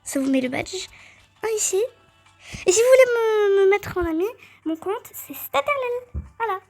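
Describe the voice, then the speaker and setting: A woman giving chatty, excitable let's-play commentary on a game, talking straight to her viewers. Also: very high voice, normal speed, no room sound, faint music behind. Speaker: gaming video creator.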